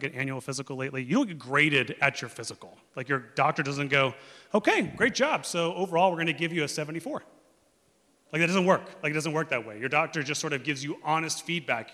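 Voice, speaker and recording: A man preaching a sermon as pastor, conversational and earnest, swinging between loud emphasis and hushed pleas. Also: on the high side, in a large hall.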